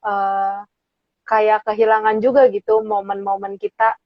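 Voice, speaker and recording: A young woman hosts, posing a question in a hesitant way with many fillers. Her voice is mid-pitched and dry. The audio is dull, as over an online call. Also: level tone, a little slow, no room sound. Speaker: host. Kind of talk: casual interview question.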